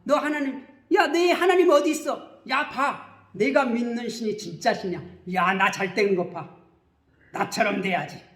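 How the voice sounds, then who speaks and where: A man voicing a scornful worldly man who taunts believers in a sneering way, his voice raised high above his own. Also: normal speed, a bit bright, echoey room. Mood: taunting.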